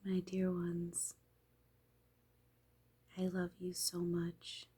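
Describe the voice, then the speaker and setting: Woman channeling a hushed, breathy spirit, seance medium style. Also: lowish voice, completely flat delivery, heavily acted. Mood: tender, reassuring. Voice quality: breathy, half-whispered. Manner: slow, breathy, hushed, halting phrases. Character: gentle, loving male spirit guide channeled in trance.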